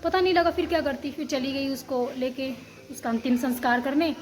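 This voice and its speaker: Young woman, from Himachal Pradesh, rambling casual vlog storytelling, slightly high voice, faint music underneath. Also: fairly quick. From Himachal Pradesh, India. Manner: rambling, chatty, many restarts and fillers. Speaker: vlogger.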